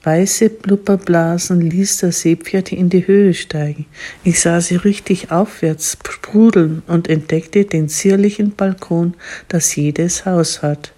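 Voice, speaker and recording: Woman storyteller, low voice, mellow, gentle, warm, storybook reading. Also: steady tone, slow pace.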